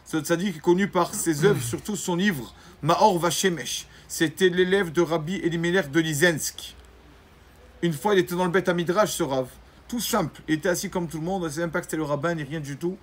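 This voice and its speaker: Male rabbi, somewhat high voice, lively storyteller who plays the people in his tales and corrects himself mid-sentence. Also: fairly quick, a little hiss or hum. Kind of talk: storytelling Torah lesson.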